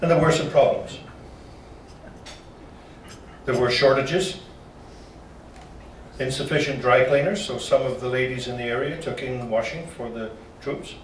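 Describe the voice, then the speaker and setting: A man's voice: medium pitch, a little slow, pauses often, slight background noise. Folksy man lecturing in a hall. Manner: folksy, with joking asides. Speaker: local history presenter. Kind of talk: slide-show talk to a club. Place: meeting room. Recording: roomy hall from far off.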